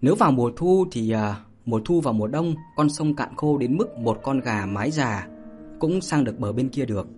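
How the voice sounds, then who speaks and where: A man reading a martial arts novel aloud as narrator, steady and unhurried, with small fillers. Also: medium pitch. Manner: steady storytelling with spoken fillers. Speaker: audiobook narrator. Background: faint music.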